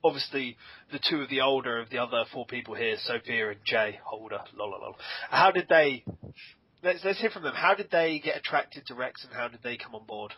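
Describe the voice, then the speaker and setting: A man's voice: mid-range voice, fairly quick, breathy edge, dull audio. A man hosting a casual group interview, joking and informal. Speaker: interviewer, host.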